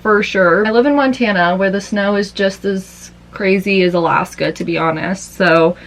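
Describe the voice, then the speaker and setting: A woman's voice: medium pitch, moderate pace, rough recording. A tired young woman chatting her way through a makeup routine after an all-nighter, rambling casually. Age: young adult. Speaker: vlogger. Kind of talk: casual makeup vlog chat.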